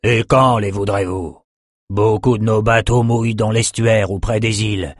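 A man voicing a ruthless, arrogant male slaver captain who speaks slowly with contempt in a storybook. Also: on the low side, fairly even intonation, no echo, studio quality, lightly acted. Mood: contemptuous.

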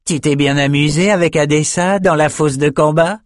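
A man putting on a sneering young lout in a storybook reading, whiny and mocking, pushed far up into a high register, recorded close and dry. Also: normal speed, no echo, close to an everyday voice.

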